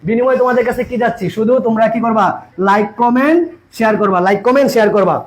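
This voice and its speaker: A man teaches an online exam-prep class. His voice sits very high for a man. He repeats each point and keeps throwing rhetorical questions at his students. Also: rapid-fire, poor audio.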